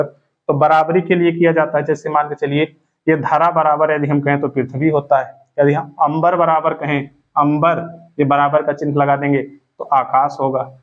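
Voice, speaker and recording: A man teaching grammar for exam preparation, explaining step by step with everyday examples and speaking straight to his students. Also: fairly high pitch. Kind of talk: exam-prep lesson. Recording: phone-like narrow sound.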